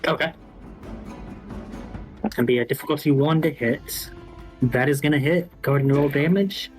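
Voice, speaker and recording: A man narrating a tabletop role-playing game as game master, in a casual, halting way. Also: fairly high pitch. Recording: faint music behind the voice. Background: music.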